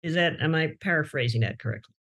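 An interview host asking long, halting questions with many fillers. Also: medium pitch, expressive, gravelly, fairly bright tone.

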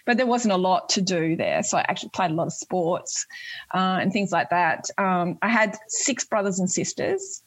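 A chatty woman in her late 40s from northwest Tasmania, Australia, a member of the Air Force, recounts her career in a conversational interview, rambling with frequent "you know." Her voice is on the low side and animated at a moderate pace, with close, dry sound and no room sound.

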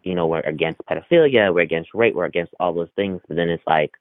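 A man's voice: sits low, fast talker, no echo. A man calling in to a podcast, talking casually with many fillers and restarts. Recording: tinny phone line, dry.

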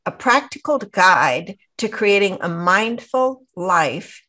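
A woman's voice: mid-range voice, expressive, takes it slowly, bright, forceful tone. A woman hosting an interview show, introducing her guest with enthusiasm. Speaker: podcast host.

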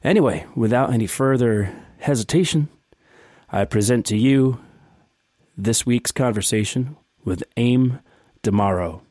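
A man hosting a casual podcast, talking in a relaxed, enthusiastic way. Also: mid-range voice, a little slow, dry recording, clean studio sound. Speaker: podcast host.

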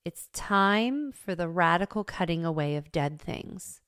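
A woman host reading a scripted devotional in a slow, measured way. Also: lowish voice, animated, fairly bright tone, clean tone, no echo, studio quality.

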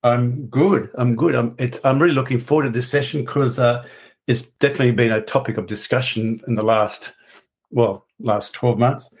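A man's voice: mid-range voice, steady tone, normal speed. A man hosting a podcast, introducing the guest with friendly chat and occasional restarts. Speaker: podcast host.

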